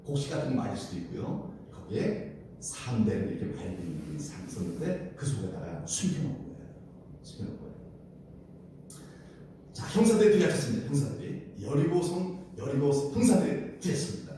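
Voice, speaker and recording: A man preaching a sermon as pastor at a midweek prayer service, animated, asking the congregation questions and acting out the scenes he describes. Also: mid-range voice, fairly quick, very echoey, far from the mic, slight background noise.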